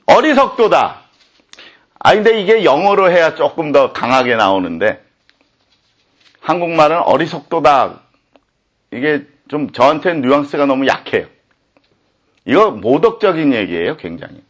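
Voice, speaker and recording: A man's voice: on the high side, big pitch swings, moderate pace, pauses often. A man preaching a sermon as pastor, speaking in an indignant, impassioned way.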